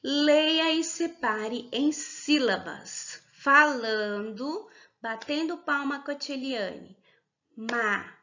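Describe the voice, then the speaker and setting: A woman's voice: sits high, lively intonation, slow pace, bright, forceful tone, muffled recording. A woman with a Brazilian accent teaching a remote kindergarten class, sounding out words syllable by syllable and clapping along, patient and encouraging. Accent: Brazilian Portuguese. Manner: patient, encouraging, asks questions. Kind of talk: remote class for young children.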